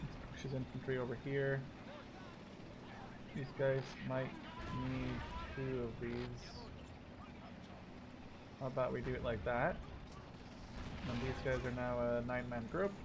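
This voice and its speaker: Thinking aloud over a war game full of artillery, gunfire and vehicles, a man in his twenties from Canada or the Netherlands hosts a casual let's play video and swears freely. He speaks at medium pitch in a level tone, at a measured pace with frequent pauses.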